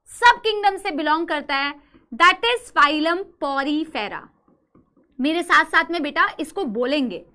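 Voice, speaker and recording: A woman with a very high, bright voice leads an online biology lesson. She drills each term slowly and keeps asking her students to repeat after her. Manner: slow drilled pronunciation, asks students to repeat. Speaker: biology teacher. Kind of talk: online class lecture.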